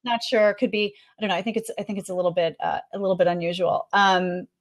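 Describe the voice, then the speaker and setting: A woman chatting casually as a podcast guest, recapping conference talks in an animated way with plenty of fillers. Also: medium pitch, quick pace. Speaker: guest reporting on a marketing conference.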